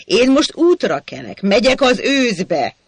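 A man voicing an irritable, exasperated man who breaks into loud outbursts. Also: very high-pitched, very animated, breathy edge, dry recording, voice pushed up, heavily acted.

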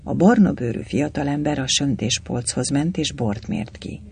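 A man narrating a novel as an audiobook, lively storytelling that moves in and out of character voices. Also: medium pitch, creaky, a little hiss or hum. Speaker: audiobook reader.

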